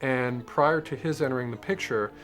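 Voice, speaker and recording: A man giving measured commentary on film history, correcting himself as he goes. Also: medium pitch, a bit bright, soft background music. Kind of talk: informative commentary.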